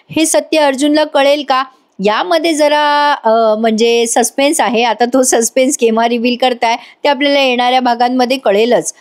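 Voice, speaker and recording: Chatty woman recapping a soap. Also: fairly high pitch. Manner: chatty, addresses viewers directly. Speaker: serial reviewer. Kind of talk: voice-over episode recap.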